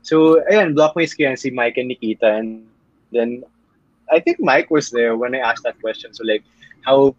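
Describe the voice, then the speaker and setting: A man's voice: medium pitch, moderate pace, no echo, highs cut off. A young man from the Philippines, a guest in a casual chat, rambling, laughing often and mixing in Tagalog. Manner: giggly, rambling, code-switching.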